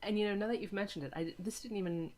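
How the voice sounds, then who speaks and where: A woman who makes audio dramas chats casually as an interview guest, enthusiastic and emphatic, often repeating words for stress. Her medium-pitched voice is a little mellow, and she talks at a quick pace.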